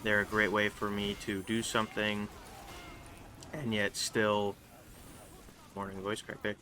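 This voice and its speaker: A man's voice: lowish voice, monotone, pushed and bright. Rambling young man commentating gameplay. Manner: rambling, halting, with frequent restarts and fillers. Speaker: gaming channel host. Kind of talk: casual live gameplay commentary. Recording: faint background noise.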